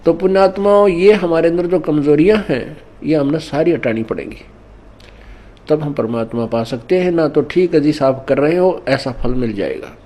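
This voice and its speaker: A man giving a sermon at an ashram, teaching through parables and couplets. His voice is warm and mellow and sits fairly high for a man. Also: moderate pace. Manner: didactic, mixing in scripture couplets and parables. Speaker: spiritual teacher. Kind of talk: Hindi sermon. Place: ashram gathering.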